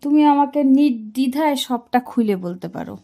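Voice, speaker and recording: A woman's voice: high-pitched, animated, moderate pace, warm tone. A woman playing a lonely, prying mother-in-law in a scripted comic phone skit, drawling and reproachful. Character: lonely complaining mother-in-law, middle-aged.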